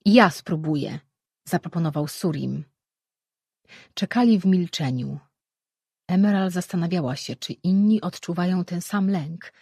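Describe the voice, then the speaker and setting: A woman reading a fantasy audiobook aloud in a measured narration. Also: fairly low pitch, dark tone, slightly rough, no echo, clean studio sound. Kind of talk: scripted narration.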